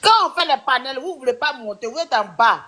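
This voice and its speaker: A woman's voice: high voice, expressive, brisk, bright, forceful tone. A woman on a live-stream panel, scolding and insistent and repeating her points.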